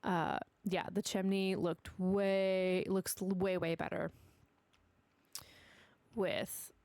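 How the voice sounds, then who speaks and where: While streaming a game and building, a young woman with allergy sniffles and a stuffy nose chats casually to herself and her dog. Her mid-range voice is slow and level, with a darkish tone, in a dry recording.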